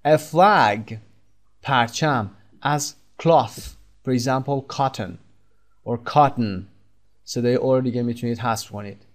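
A man teaching an English vocabulary lesson, repeating words and spelling them out, with quick asides between slow example sentences. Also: medium pitch.

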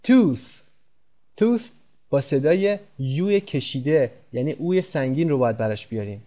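A man teaching English pronunciation in Persian, speaking slowly and repeating example words with stress. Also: medium pitch, lively intonation, darkish tone. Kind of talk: pronunciation lesson.

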